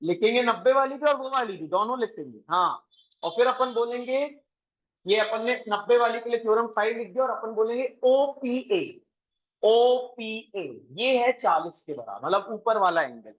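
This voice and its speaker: A man teaching a coaching class, briskly quizzing his students and mixing English math terms into his talk. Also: very high voice, lively intonation, dull audio. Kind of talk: classroom lesson.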